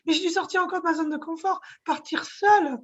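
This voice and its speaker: Woman guest in her forties, high bright voice, dull lo-fi remote sound, expressive storyteller. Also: fairly quick. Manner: expressive storyteller, laughs often. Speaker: guest, shop owner. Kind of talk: casual interview chat.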